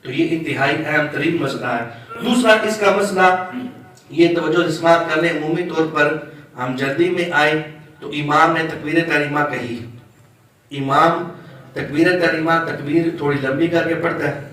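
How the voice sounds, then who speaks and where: A man's voice: on the high side, a bit bright, distant mic. Echoing male religious teacher. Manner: explains slowly, draws out words when demonstrating; asks listeners questions. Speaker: Islamic scholar teaching prayer. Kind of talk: religious lesson on prayer rules.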